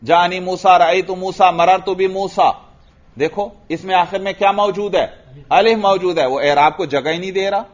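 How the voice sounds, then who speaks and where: A man with a Pakistani Urdu accent teaching Arabic grammar in a classroom lecture, asking questions and answering them himself, and reciting Arabic examples slowly. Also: sits high, fairly even intonation. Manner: drills students with questions and answers. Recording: dull lo-fi recording.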